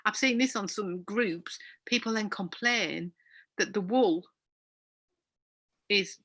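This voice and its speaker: Here a middle-aged North East English woman, her accent edging toward Yorkshire, chats casually as a podcast co-host. Her mid-range voice is fairly bright and her pace slow. Laughing often, she sounds teasing and incredulous.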